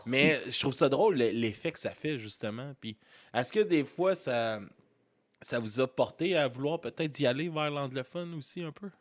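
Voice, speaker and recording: A man with a Québécois accent hosting a casual podcast chat, animated and quick to swear and laugh. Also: medium pitch, no echo. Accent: Québécois French. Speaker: podcast host.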